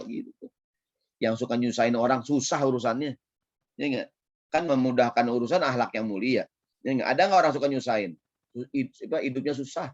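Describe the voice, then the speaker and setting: A man's voice: mid-range voice, no echo. Man, Jakarta Betawi accent, casual sermon, playful back-and-forth, dull dry lo-fi sound. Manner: lively, playful, asks the audience "ya nggak?" often. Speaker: Islamic preacher. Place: online session.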